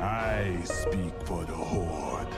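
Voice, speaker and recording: An actor playing a menacing, proud warlord in a game cinematic, with a gravelly voice and a slow, grave, declamatory delivery. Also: male voice, low-pitched. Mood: solemn. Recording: loud music under the voice.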